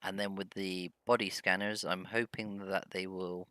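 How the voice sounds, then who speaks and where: In this let's-play, the male host's low voice stays fairly flat in pitch, moving at normal speed with a sharp yet smooth tone and no echo. He hums to himself and rambles through his commentary, hesitating often.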